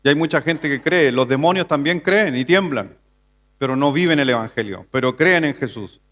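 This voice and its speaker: Chilean pastor preaching a Sunday sermon. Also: male voice, animated, normal speed, fairly bright tone. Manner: preaching with rhetorical questions, rising to an emphatic pitch. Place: church sanctuary.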